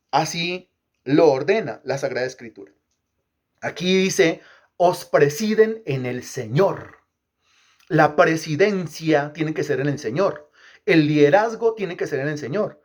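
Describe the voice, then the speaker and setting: Pastor, male, fairly high pitch, emphatic teaching sermon, quizzes the congregation, repeats lines for rhythm. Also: animated, a little slow. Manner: asks the congregation questions and repeats phrases.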